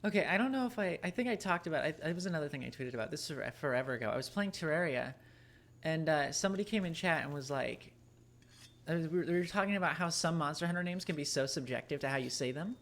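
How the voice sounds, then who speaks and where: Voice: mid-range voice, expressive, fast, a bit bright. A streamer chatting casually while playing, rambling with lots of ums and small laughs. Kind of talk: casual chat while gaming.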